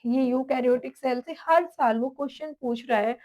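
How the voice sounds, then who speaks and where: A woman's voice: sits high, moderate pace, a little mellow, poor audio. A woman teaching an exam-prep biology lesson, listing topics and past question counts and calling her students "beta".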